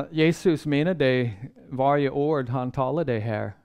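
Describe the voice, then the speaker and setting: A man giving a sermon-style Bible lecture, measured and earnest, pausing often and restarting phrases as he thinks. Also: medium pitch, a little mellow, smooth. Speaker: Bible seminar speaker.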